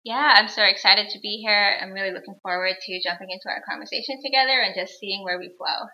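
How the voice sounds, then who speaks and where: A young adult woman from Guyana, a guest healer and educator, telling her life story in a measured, earnest way with frequent pauses. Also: medium pitch, slight background noise. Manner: measured, earnest, pausing often. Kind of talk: reflective personal storytelling. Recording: roomy, dull lo-fi sound.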